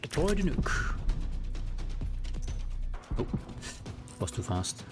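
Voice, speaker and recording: A Dutch gaming streamer, a native Dutch speaker from the Netherlands with a Dutch accent, chats casually during live gameplay, reading the game's text aloud and thinking out loud with restarts. His voice is fairly high and very animated, with drawn-out words over music.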